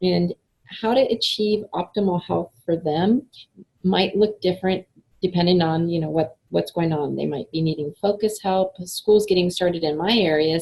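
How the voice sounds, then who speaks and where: Chatty woman with a gravelly, husky voice. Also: fairly low pitch, dark tone, low-quality recording. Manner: chatty, enthusiastic, frequent fillers and laughs. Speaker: essential oils presenter. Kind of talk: casual online class talk.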